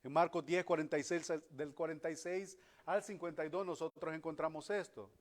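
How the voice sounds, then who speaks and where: A man's voice: a little high, fairly even intonation, brisk. A man preaching a sermon as pastor, emphatic, acting out the voices he quotes.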